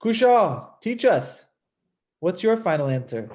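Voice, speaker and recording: A man's voice: high-pitched, very animated, slow, darkish tone, lo-fi sound. A man on a video call, joking and exuberant in a medical case discussion.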